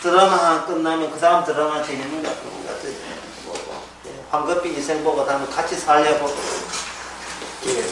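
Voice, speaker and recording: Man, pastor, lively high voice, playful lecturing, very echoey hall, mic distant. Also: fairly quick. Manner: animated, joking, repeats key words. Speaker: pastor giving a Bible lecture. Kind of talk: church Bible lecture. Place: church lecture room. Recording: echoey hall, mic far off, faint background noise.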